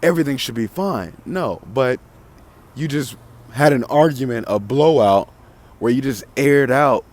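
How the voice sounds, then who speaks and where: A man's voice: mid-range voice, darkish tone. Southern guy from the country doing a casual motivational podcast monologue, southern accent, emphatic, says stuff twice to make it land. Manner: emphatic, repeats phrases for stress. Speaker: podcast host.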